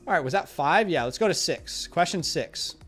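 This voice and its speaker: A man in his young adult years hosts a casual fantasy football livestream. He rambles, gets animated and a bit exasperated, and is losing his voice. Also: a little high, normal speed, slightly rough, faint music behind. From Australia. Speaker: fantasy football host answering live chat questions.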